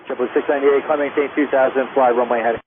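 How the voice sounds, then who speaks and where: A man's mid-pitched voice comes over a tinny, static-laden radio link. He issues rapid, terse air traffic control instructions in procedural phrasing. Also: steady tone. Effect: aviation radio transmission.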